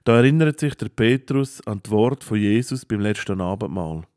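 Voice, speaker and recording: Calm storybook narrator, low voice. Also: male voice, normal speed, dry recording, clean studio sound. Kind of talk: children's Bible storybook narration.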